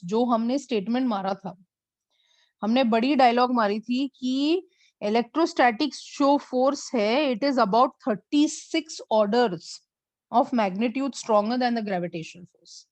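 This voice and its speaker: A woman physics teacher, mixing Hindi and as she teaches an online class and slowly repeats numbers for her students. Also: a little high, expressive, darkish tone, dry recording. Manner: mixes Hindi and English.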